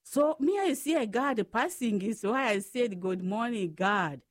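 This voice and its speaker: Slow-speaking Congolese-born woman. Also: fairly high pitch, animated, dry recording, clean studio sound. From Democratic Republic of the Congo. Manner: slow, careful storytelling. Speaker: guest, Franciscan sister. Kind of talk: radio interview.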